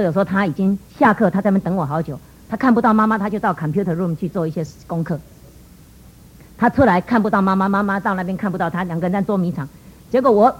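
A woman's voice: medium pitch, slightly rough. Middle-aged woman, church testimony, earnest storytelling, quoted dialogue, dull lo-fi recording. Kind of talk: emotional personal testimony.

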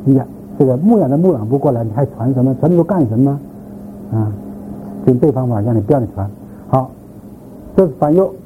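A man's voice: mid-range voice, expressive, fast talker, long pauses. A man giving an informal lecture to a class, rambling with repeated words and filler sounds and putting questions to the listeners. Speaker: lecturer on church history. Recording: tinny phone-like sound, faint background noise.

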